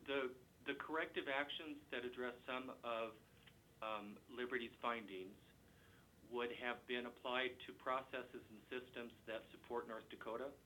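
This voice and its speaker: A man giving measured formal testimony to a commission over the phone, pausing with frequent ums. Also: mid-range voice, steady tone, sharp tone, slight background noise, low-quality recording. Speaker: company representative. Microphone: phone line.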